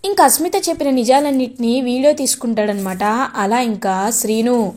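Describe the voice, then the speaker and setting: High-voiced woman recapping a serial. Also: normal speed. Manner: animated, jumps into voicing each character's lines. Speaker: narrator retelling a TV serial episode. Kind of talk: casual storytelling recap with acted dialogue.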